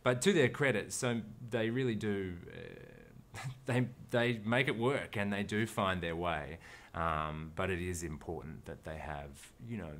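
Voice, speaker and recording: An Australian actor talks casually as an interview guest, thoughtful and rambling, often restarting his sentences. His voice is low-pitched and a bit bright.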